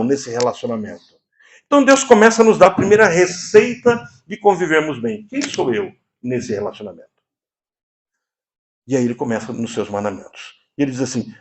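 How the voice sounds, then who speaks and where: A man from Brazil preaching a sermon, moving from low quiet asides to high emphatic lines. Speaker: preacher and therapist.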